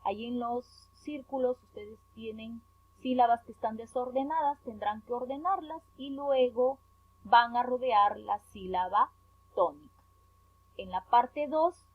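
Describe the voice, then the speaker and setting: Here a Peruvian teacher's slightly high, husky voice comes through tinny, phone-quality audio with a dry sound. She explains a worksheet to primary pupils in an online class, spelling words slowly and stressing each syllable.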